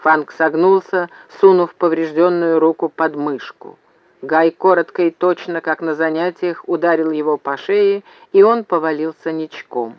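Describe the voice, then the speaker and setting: A man narrates an audiobook in a steady storytelling manner. His voice sits a little higher than most men's. The recording is dry and sounds slightly dull. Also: measured pace, clear, resonant tone, no echo. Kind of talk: scripted narration.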